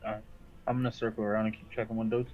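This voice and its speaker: A man's voice: lowish voice, level tone, rapid-fire, phone-quality sound, a little hiss or hum. A man playing a tabletop role-playing game, talking casually and briefly about his moves.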